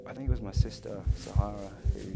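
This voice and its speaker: A man giving a halting personal account in a documentary interview, pausing and searching for words. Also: lowish voice, fairly even intonation, vocal fry, very noisy. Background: music playing softly.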